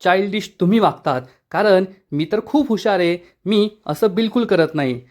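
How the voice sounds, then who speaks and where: A man voicing a lively, stubborn young wife who talks back in rapid-fire retorts. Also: sits high. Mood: defiant.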